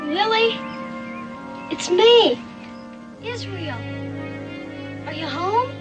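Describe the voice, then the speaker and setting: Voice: very high voice, expressive, very slow, dull audio, over music, heavily acted. A child actor playing an earnest, polite young frontier boy in a western drama. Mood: earnest, hopeful. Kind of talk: period western screen acting.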